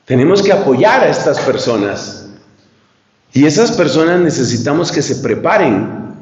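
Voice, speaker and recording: Male priest, earnest retreat lecture, slightly high voice, roomy dull recording. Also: big pitch swings, moderate pace, darkish tone. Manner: earnest, speaks straight to the audience, poses questions. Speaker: priest giving a retreat talk. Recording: echoey room, dull lo-fi sound.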